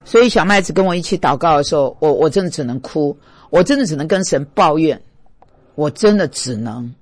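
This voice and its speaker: A man's voice: a little high, lively intonation, a little fast, no echo. A man from Taiwan, a pastor giving an emotional devotional talk, stammering and plaintive.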